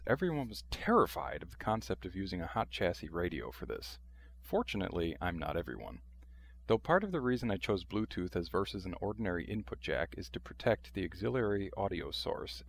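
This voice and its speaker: In a low, creaky voice, a video host demonstrates a restored vintage radio, narrating the how-to in a dry, wry, matter-of-fact way.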